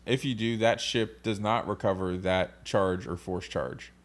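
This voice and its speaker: Low-voiced man explaining game rules on a podcast. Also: a little slow. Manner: steady, explains rules methodically. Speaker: podcast co-host. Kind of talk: casual podcast chat, reading game cards aloud.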